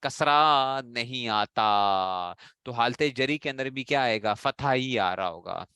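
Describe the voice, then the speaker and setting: A man's voice: mid-range voice, normal speed, fairly bright tone, clear, resonant tone, no echo, clean studio sound. A man teaching Arabic grammar to a class, drilling his students with repeated questions and answers in a Pakistani Urdu accent. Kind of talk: classroom lecture.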